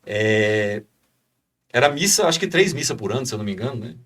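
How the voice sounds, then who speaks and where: A man from Brazil gives his conversion testimony on a podcast in a fervent, preacher-like way. He keeps tagging his phrases with a quick question. His voice sits a little distant from the microphone. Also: lowish voice, very animated, fairly bright tone. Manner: fervent, preacher-like, many "né?" tags. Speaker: podcast guest.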